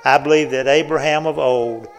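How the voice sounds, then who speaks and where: Folksy preacher with gravelly voice. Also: male voice, mid-range voice, normal speed, a little hiss or hum. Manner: folksy, animated, with restarts and audience questions. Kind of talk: sermon.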